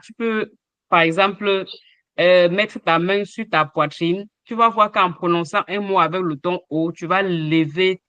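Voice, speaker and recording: A man teaching an online language lesson, explaining tones slowly with repeated examples and hesitations over a video call. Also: high voice, a bit bright, no room sound, highs cut off. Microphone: computer mic on a video call.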